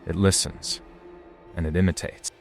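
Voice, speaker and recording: A man giving a scripted, suspenseful narration in a deliberate, ominous storytelling manner. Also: sits low, flat delivery, vocal fry, soft background music. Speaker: narrator of paranormal footage compilation.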